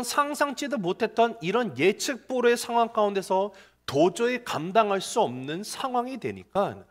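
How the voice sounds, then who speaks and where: A middle-aged male pastor preaching a sermon to his congregation, animated and conversational, acting out biblical figures in casual everyday speech. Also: high-pitched.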